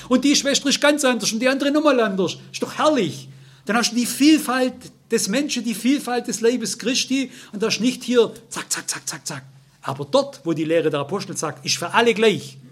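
Speaking in a high, husky voice, an older Swabian-accented man delivers an emotional sermon. He keeps addressing his listeners directly and leans on "you know" over and over.

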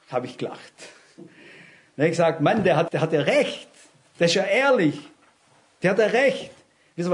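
A man preaches at a Bible study, his voice sitting a little high for a man. He talks earnestly, telling anecdotes and turning to the listeners with direct questions. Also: a little mellow. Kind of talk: sermon.

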